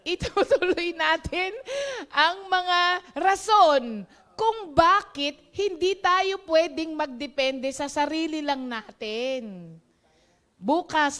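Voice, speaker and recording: A woman's voice: sits high, a bit bright. A Filipino woman preaching in a casual, chatty devotional talk, laughing often and mixing English phrases in.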